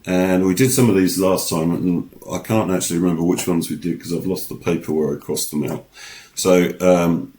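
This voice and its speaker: A man's voice: low-pitched, steady tone, moderate pace, few pauses, warm tone, rough recording. A man co-hosting a podcast in a studio, rambling casually with many ums and restarts. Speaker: podcast co-host. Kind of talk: casual chat.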